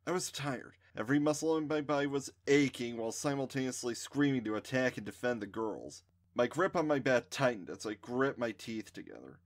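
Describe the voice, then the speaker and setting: A man reading his own story aloud in first person, with an expressive delivery. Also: medium pitch, a little fast.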